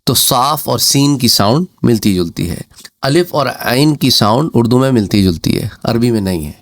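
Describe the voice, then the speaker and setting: Lively man giving a lecture. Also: medium pitch, dry recording. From Pakistan. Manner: explains patiently with examples, drawn-out recitation. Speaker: Islamic scholar and teacher. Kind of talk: explanatory religious lecture.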